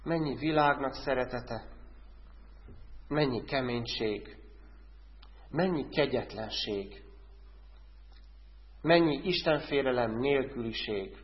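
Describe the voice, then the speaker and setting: A male preacher giving a sermon, who keeps asking his listeners direct questions and swings between loud, urgent lines and hushed ones. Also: medium pitch, pauses often. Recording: dull sound with a long hall echo.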